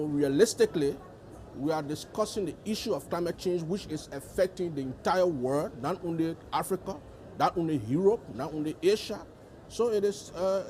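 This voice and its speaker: Higher-pitched, emphatic Liberian man. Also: darkish tone. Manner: emphatic, repeats phrases for stress. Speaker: government delegate being interviewed. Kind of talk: formal interview answers.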